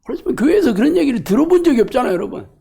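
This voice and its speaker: A middle-aged man preaching a lively, colloquial sermon as a pastor, acting out quoted voices and laughing along. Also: very high voice, rapid-fire, creaky. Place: church or hall.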